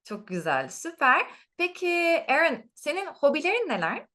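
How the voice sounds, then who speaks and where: Woman, language teacher, slightly high pitch, animated intonation, casual interview, encouraging, short repeated affirmations. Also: normal speed.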